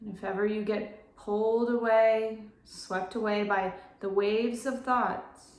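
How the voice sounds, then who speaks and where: A woman guiding a slow breath-counting meditation, giving gentle, measured instructions in short phrases with pauses. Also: mid-range voice, fairly even intonation. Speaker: meditation guide. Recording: roomy, echoing sound.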